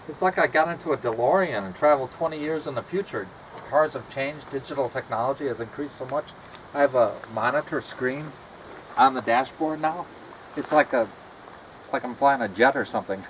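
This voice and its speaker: A middle-aged man chatting casually and reflectively in a halting way, talking out of the side of his mouth. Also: mid-range voice, slight background noise, rough recording. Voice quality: talks out of one side of the mouth. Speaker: retired comic book artist showing a car. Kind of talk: casual rambling chat. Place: outdoors beside a parked car.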